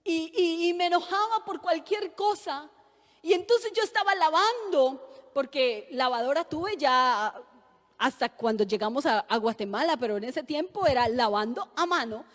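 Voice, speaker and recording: A woman's voice: high-pitched, expressive, moderate pace, fairly bright tone. A woman in her thirties preaching a sermon, giving an earnest personal testimony and building to fervent emphasis. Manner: earnest testimony, addresses listeners as brothers, rises to fervent emphasis. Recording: long hall reverb.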